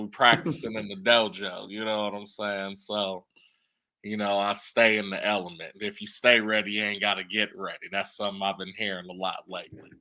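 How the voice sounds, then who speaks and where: A man's voice: lowish voice, pushed and bright. A man co-hosting a casual podcast, laid-back and slangy, always adding "you know what I'm saying". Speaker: podcast co-host.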